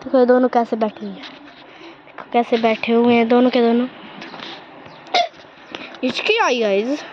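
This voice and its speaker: A woman's voice: a little high, fairly even intonation, normal speed, highs cut off, noisy background. A woman vlogging casually outdoors with her phone, chatty and always telling viewers to look. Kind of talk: casual walking vlog. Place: outdoors in a village around home. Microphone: phone held while walking.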